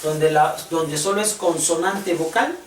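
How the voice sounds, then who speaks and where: A male teacher explains step by step at an unhurried pace. His voice is heard from some distance in an echoey classroom with a faint hiss underneath. He keeps stopping to ask if his students follow. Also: on the high side. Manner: slow, patient, checks understanding with questions. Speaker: Hebrew teacher. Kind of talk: classroom lesson.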